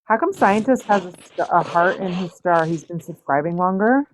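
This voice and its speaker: A woman with a Toronto accent co-hosting a livestream, chatty and animated, with over-enunciated vowels. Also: on the low side, normal speed, a little hiss or hum. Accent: Toronto Canadian. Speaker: livestream co-host. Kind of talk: casual livestream chat.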